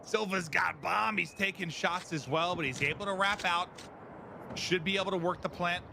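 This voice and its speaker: A man casting esports with excited play-by-play, swinging between tense murmurs and drawn-out shouts. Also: high voice, gravelly. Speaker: esports caster. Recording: noisy, game sounds behind.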